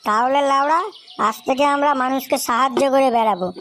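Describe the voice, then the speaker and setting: A woman's voice: high voice, a bit bright, slight background noise. A woman voicing a brash, foul-mouthed young man who leads his friends in a cartoon, talking in a crude, swaggering way. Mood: scheming. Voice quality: crude, swaggering, quick to threaten. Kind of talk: cartoon voice acting.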